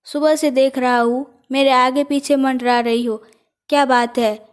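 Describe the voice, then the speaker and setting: A woman's voice: sits high, steady tone, unhurried. A woman doing a stern, cold young boss. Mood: teasing.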